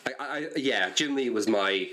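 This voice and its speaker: In a casual podcast chat about cartoons and comics, a male co-host talks keenly and enthusiastically, often stumbling over and repeating his words. His voice is medium-pitched, animated, pushed and bright, at a normal speed.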